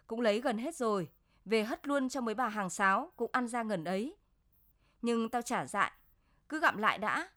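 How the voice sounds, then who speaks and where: A woman reading the lines of a blunt, shrewd middle-aged rural man in a storybook, with brusque, gruff talk. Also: a little high, a bit bright, dry recording, studio quality, natural voice.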